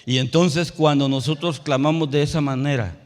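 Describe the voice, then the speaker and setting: A male pastor preaching a sermon. He tells a personal story and rises to loud, emphatic calls. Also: on the high side, fairly even intonation, moderate pace, long reverb tail. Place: church sanctuary.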